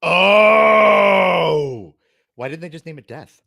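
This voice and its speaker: A man's voice: fairly low pitch, very animated, a little fast, sharp tone. A man co-hosting a podcast in casual chat, with jokey banter. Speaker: podcast co-host.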